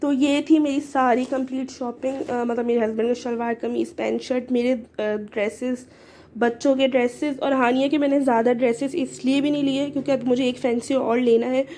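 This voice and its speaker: A hoarse young woman talks through a casual vlog, short of breath from a cold. Her voice sits a little high but sounds mellow and soft-edged. A faint hiss of background noise stays under her voice throughout. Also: fairly even intonation, normal speed. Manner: chatty, explaining items one by one. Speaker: vlogger. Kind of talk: casual show-and-tell vlog.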